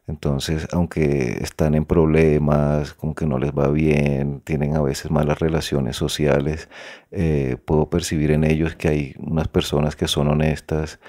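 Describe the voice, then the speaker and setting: A man with a faded Colombian Caribbean coastal accent, a guest author talking things over thoughtfully, pausing often on "eh". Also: a bass voice, mellow, no echo, clean studio sound. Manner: thoughtful, hesitant, many "eh" fillers. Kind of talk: reflective interview conversation.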